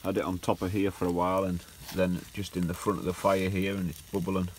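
Northern English man, casual outdoor vlogger, low-pitched, easygoing chat over light camp ambience. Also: flat delivery, fairly quick, a little hiss or hum. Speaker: camping vlogger. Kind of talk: casual outdoor vlog narration. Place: outdoors at a woodland camp by a fire.

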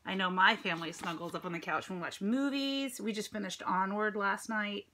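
A middle-aged American woman, a teacher, reads a picture book to children with an expressive delivery, chatty asides and questions for her listeners. Her mid-range voice is fairly quick, bright and forceful, with slight background noise. She's recorded at home on a phone or tablet held at arm's length, in a room with a dresser and a ceiling fan.

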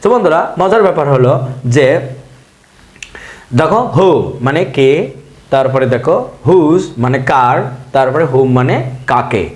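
A man's voice: fairly high pitch, moderate pace, pauses often, reverberant. A man teaching a spoken English lesson in a chatty way, repeating words to drill them and asking and answering his own questions.

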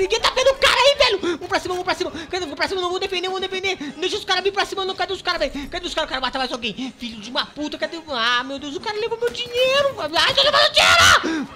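A man giving excitable gameplay commentary, exclaiming constantly as he plays. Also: extremely high pitch. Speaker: gaming channel host.

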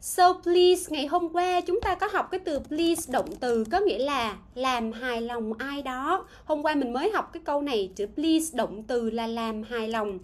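A woman English teacher giving a livestream grammar lesson, reading out viewers' answers, asking them questions and repeating words slowly. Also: high voice.

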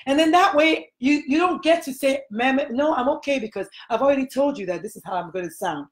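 A middle-aged woman with a Nigerian accent hosts a podcast interview from a small room at home, talking emphatically to her laptop webcam and gesturing broadly as she goes. Her voice sits high and is expressive and fairly quick, and the chat is casual.

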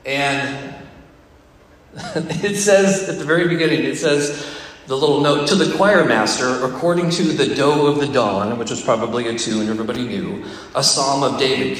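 A man's voice: medium pitch, a bit bright. A man giving a conversational, jokey and sometimes emotional devotional talk to a staff gathering, recorded on a phone on the podium. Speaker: devotional speaker. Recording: distant, echoey room phone recording.

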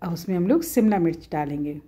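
A woman's voice: fairly low pitch, animated, fast, dark tone, breathy edge. A woman at home, talking viewers through a cooking recipe step by step in a plain, homely, instructive way. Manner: homely, instructive, often says "dekhiye".

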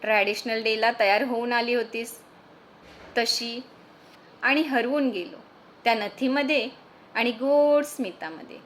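A woman reading the part of a grown man who shyly admits an old college love, in a soft, hesitant, tender voice. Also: a little high, measured pace, pauses often, slight background noise. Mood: tender, confessing. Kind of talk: storytelling reading.

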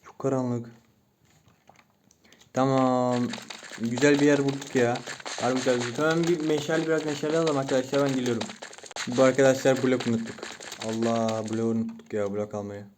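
A young man giving Minecraft let's-play commentary, talking himself through the game, muttering to stay calm and breaking into excited yelps. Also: medium pitch, normal speed. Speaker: gaming YouTuber. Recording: noisy home recording with keyboard clicks.

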